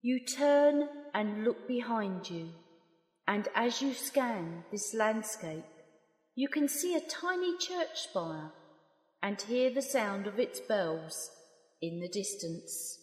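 A woman slowly leading a guided meditation in a calm, soft, unhurried voice with long pauses. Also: mid-range voice. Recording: roomy long reverb.

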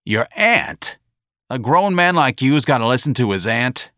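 A man voicing an irritable, bullying police sergeant who shouts at a subordinate, in a read-aloud story. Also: on the low side, animated, normal speed, no echo, studio quality. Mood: gruff. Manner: gruff, shouting.

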